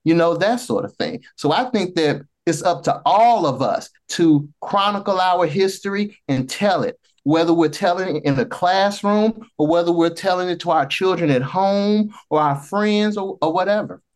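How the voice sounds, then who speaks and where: A man with a Southern accent and a fairly high voice speaks as a guest editor in an interview. He talks earnestly and repeats phrases for emphasis. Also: expressive, normal speed, hardly any pauses. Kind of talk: interview answers.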